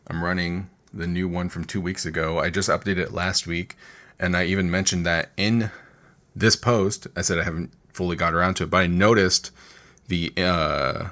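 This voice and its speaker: A man's voice: low voice, a bit bright. A man giving a casual, rambling tech rant over a screen demo, sounding weary and exasperated. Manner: rambling, informal. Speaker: tech vlogger.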